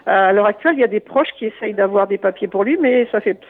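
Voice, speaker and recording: A man from Lyon speaking as a guest on a radio show over a phone line, halting and full of fillers. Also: high voice. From Lyon area, France. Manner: hesitant, halting, many fillers and restarts. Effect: heard over a phone line.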